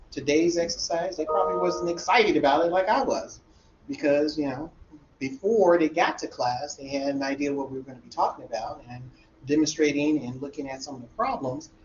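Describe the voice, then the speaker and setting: Lively man telling a classroom story. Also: on the high side. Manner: animated storytelling, acting out dialogue. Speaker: college algebra instructor. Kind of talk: discussion-group anecdote. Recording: roomy, dull sound with faint room noise.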